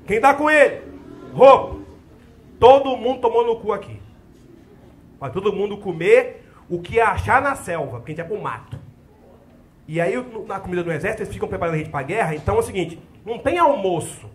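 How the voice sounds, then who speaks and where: A young adult man from Brazil doing a profane, animated stand-up routine, with a crowd laughing in the background. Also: high-pitched, a little fast, a little hiss or hum. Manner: profane, animated storytelling with shouted sergeant bits. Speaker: stand-up comedian. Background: audience laughter.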